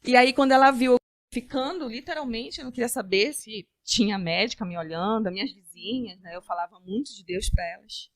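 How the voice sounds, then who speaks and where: A woman giving a personal faith-filled testimony as a podcast guest, earnest, with halting restarts. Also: on the high side, dry recording, clean studio sound. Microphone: studio podcast mic.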